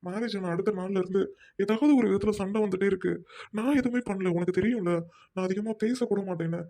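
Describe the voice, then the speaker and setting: A woman's voice: medium pitch, steady tone, fast, dark tone, natural voice. A woman voicing a troubled young husband, a doctor, who apologizes and snaps in anger by turns. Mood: distressed. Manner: apologetic, then snapping in anger.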